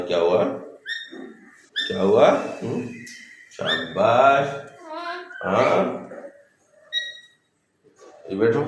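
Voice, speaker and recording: A man vlogging casually and talking to his pet parrots in a slow, coaxing way. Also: mid-range voice. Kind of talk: casual vlog talk to pet birds. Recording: echoey room with loud background noise.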